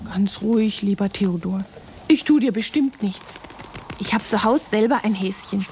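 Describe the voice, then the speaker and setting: A woman voicing a brave, curious young girl in a puppet play, eager and gently coaxing. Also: medium pitch, moderate pace, slight background noise, close to an everyday voice.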